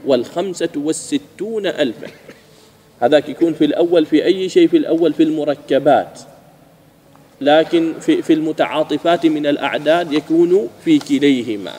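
A man teaching a grammar lesson, asking his students questions and repeating key phrases slowly. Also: a little high, dark tone.

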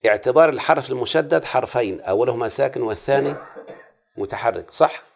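Gravelly-voiced Egyptian man teaching a lesson. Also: medium pitch, quick pace. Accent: Egyptian Arabic. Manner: repeats rules and checks understanding with frequent questions. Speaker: teacher of Arabic prosody. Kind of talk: classroom lesson.

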